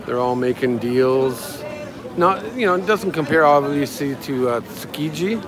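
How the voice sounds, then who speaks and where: A man with a slightly high, expressive voice talks at an unhurried pace. He's a live-streaming travel vlogger and guide, rambling offhandedly through a walking tour of a busy outdoor market street as he strolls. The crowd and passing traffic can be heard around him.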